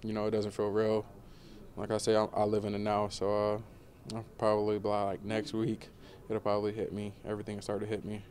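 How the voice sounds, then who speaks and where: A young man in his twenties, a college football player, answering questions in a relaxed postgame press interview, with many fillers. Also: lowish voice, a little fast. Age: 20s. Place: indoor media room before a banner.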